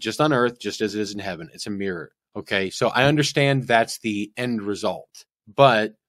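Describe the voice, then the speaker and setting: A man's voice: lowish voice, fairly bright tone, no echo, clean studio sound. A man talking through his faith in casual conversation, earnest and rambling, often restarting his sentences.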